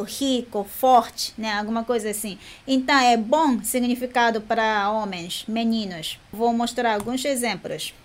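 A woman with a fairly high voice gives a kanji lesson at an unhurried pace. She says each word slowly, often twice, and checks in with the listener after every point. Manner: repeats words slowly, tags with "né?" and "ok?". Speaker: Japanese teacher.

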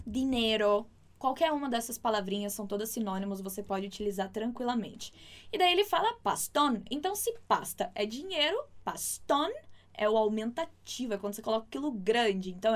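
In an online lesson, a Brazilian woman whose first language is Portuguese teaches Spanish, explaining patiently and saying words slowly and repeatedly so learners can practise. Her voice is a little high.

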